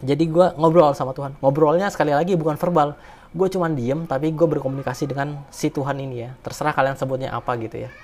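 A man's voice: on the high side, steady tone, quick pace, a little mellow. Man, casual emotional storyteller, rambling and slangy.

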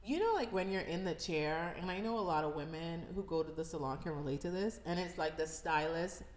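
This personal storytelling monologue comes from a Bahamian podcast host in her thirties, who speaks briskly in a fairly low voice. Her tone is reflective and conversational, sprinkled with fillers and laughs, over slight background noise.

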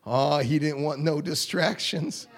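A man preaching a fervent holiness sermon, rhythmic and drawling, often clearing his throat. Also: fairly high pitch, measured pace. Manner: fervent, rhythmic, drawling with repeated call-outs.

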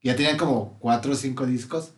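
A man's voice: medium pitch, brisk, reverberant. A man with a Mexican accent hosting a casual music chat, asking questions and sharing memories. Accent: Mexican Spanish. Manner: relaxed, asks questions and reminisces.

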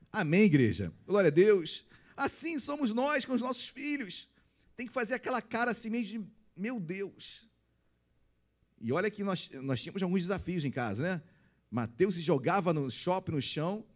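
A man, a pastor preaching a sermon, emphatic and full of rhetorical questions to his congregation. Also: high-pitched.

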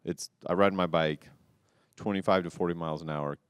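A man on a casual talk show, telling a rambling story with restarts and loud quoted outbursts. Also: low voice, a little fast, clean tone, no room sound, studio quality. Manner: animated, rambling, restarts, quotes people loudly. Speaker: podcast co-host telling a cycling story.

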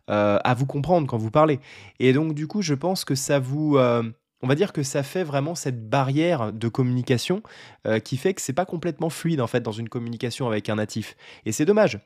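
A young French man giving a casual talk to camera about learning languages, often pausing on fillers and restarting his sentences. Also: medium pitch, a little mellow, no room sound, studio quality. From France. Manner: hesitant, many fillers and restarts.

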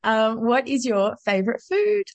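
A woman with a slightly high voice and big pitch swings hosts a podcast, chatting in an effusive, enthusiastic and casual interview style at a moderate pace. The recording is dry and the audio dull.

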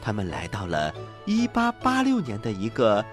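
Male children's host and narrator: expressive, avuncular, lower-pitched, music underneath. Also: moderate pace. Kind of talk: animated scripted children's storytelling.

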